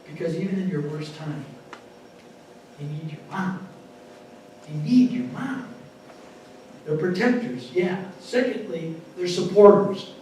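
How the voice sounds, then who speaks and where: A man preaching a sermon as pastor, telling animated stories with sudden loud bursts, heard from far off in a church sanctuary. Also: on the high side, unhurried, very echoey, slight background noise.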